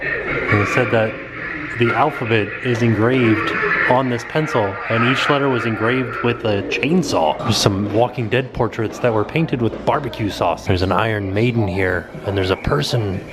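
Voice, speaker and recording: A vlogger touring indoor museum exhibit rooms offers casual, off-the-cuff commentary, pointing things out with mild amazement. His voice is on the low side at a moderate pace, and loud music plays behind it.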